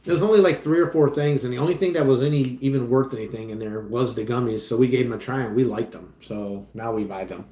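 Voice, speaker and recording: A man's voice: mid-range voice, fast talker, few pauses. Casual male streamer, rambling and conversational, recorded in a roomy, echoing space. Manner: rambling, chatty, trails off quietly. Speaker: livestream host and delivery driver. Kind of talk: casual livestream chat reading comments. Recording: echoey room.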